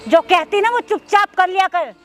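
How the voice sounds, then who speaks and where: In a staged social drama, a woman acts as a cruel middle-aged stepmother, scolding and nagging her stepdaughter. She talks at a moderate pace in a very high, slightly bright voice while faint music plays.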